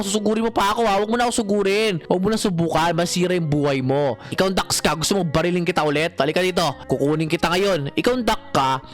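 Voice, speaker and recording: A young man giving excited gameplay commentary, talking to viewers and his in-game pet with frequent shouts. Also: high voice. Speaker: gaming channel host.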